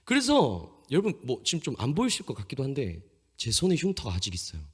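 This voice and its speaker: Speaking fast in a husky, mid-range voice, a man in his thirties preaches to a youth congregation in a church sanctuary, very animated as he tells a personal story full of humor and self-mockery. Long reverb from the hall colors the recording.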